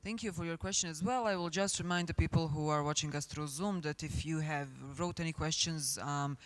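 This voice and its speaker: A somewhat high-pitched man moderates a conference panel, polite and lightly joking. He keeps things moving as he calls on the audience for questions. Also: brisk, fairly bright tone, no echo, faint music behind. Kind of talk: moderating a forum. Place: conference hall.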